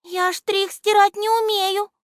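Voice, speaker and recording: Storybook figure: woman voicing a tiny, timid male eraser creature, squeaking very high. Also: flat delivery, slow, dry recording, studio quality.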